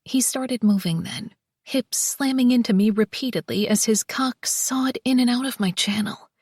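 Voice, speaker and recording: Breathy woman reading a romance. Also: fairly high pitch, dry recording, studio quality. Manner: soft, slow, breathy delivery with whispered passages. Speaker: audiobook narrator. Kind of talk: first-person romance audiobook narration.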